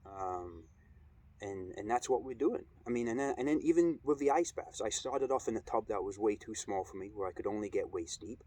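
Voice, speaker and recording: A middle-aged man talking casually and reflectively in a vlog, with an earnest, measured, halting delivery. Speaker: cold exposure vlogger. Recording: steady background noise, ambient rumble.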